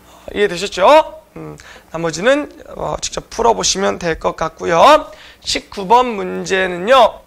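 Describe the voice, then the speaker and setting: A man's voice: high-pitched, lively intonation, unhurried, gravelly, fairly bright tone. A man teaching an online exam-prep lecture, explaining answers to viewers with frequent filler sounds.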